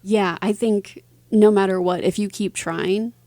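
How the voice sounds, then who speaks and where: A woman's voice: mid-range voice, fairly even intonation, a little slow, darkish tone, no echo. A woman speaking as an interview guest, telling her stories casually with a self-deprecating, lightly giggly manner. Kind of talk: casual conversational storytelling.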